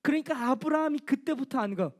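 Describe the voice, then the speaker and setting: A woman's voice: high-pitched, lively intonation, fast talker. A woman pastor giving a children's sermon, telling the story with questions to the children.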